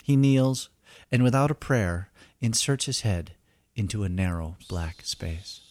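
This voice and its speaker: Expressive man narrating a wry story. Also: lowish voice. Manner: wry, theatrical, deliberate. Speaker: narrator and host of a fiction podcast. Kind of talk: scripted dramatic story narration.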